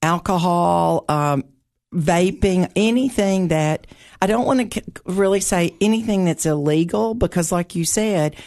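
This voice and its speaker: A woman from Tennessee hosting a podcast and interviewing a guest in a chatty, expressive way. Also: lowish voice, unhurried, dry recording, clean studio sound. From Tennessee, United States. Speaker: podcast host. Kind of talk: conversational interview.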